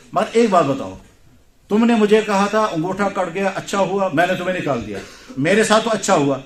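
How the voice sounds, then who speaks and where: A man preaching a sermon, telling stories with lively voiced dialogue and a Pakistani Urdu accent. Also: high voice, reverberant. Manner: animated storytelling with voiced dialogue. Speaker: Islamic scholar and preacher. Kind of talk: sermon with storytelling.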